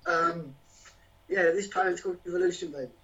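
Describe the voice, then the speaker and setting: A man with a high-pitched voice performs spoken-word poetry in a rhythmic, rhyming flow. Between pieces he chats hesitantly, full of ums. He sounds distant from the mic, on a dull, lo-fi recording. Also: moderate pace, sharp tone.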